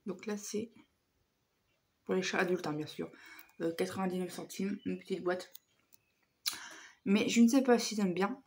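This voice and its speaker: A woman vlogger with a hoarse voice chatting casually through a shopping haul, hesitant and full of fillers. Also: lowish voice, moderate pace, pauses often, darkish tone.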